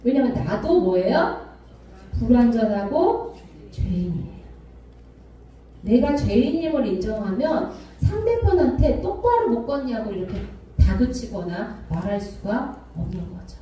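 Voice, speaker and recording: A woman pastor preaching a sermon, calling for amens and acting out arguing couples in sudden high voices. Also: sing-song, unhurried, dark tone, slight background noise. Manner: call-and-response preaching, acting out quarrels. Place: church sanctuary. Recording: echoey church hall, mic at a distance.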